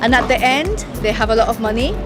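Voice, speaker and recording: A woman's voice: a little high, expressive, quick pace, over music. A woman originally from Pakistan giving an articulate, reasoned answer in a street interview. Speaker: passer-by.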